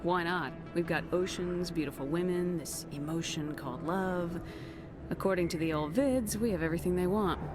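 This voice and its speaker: A woman's voice: lowish voice, normal speed, music in the background, close to an everyday voice. A woman playing a curt, tough commander. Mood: wry. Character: tough female commanding officer.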